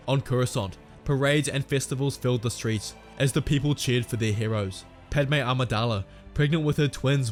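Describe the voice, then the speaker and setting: A man giving steady, dramatic scripted storytelling narration. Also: medium pitch.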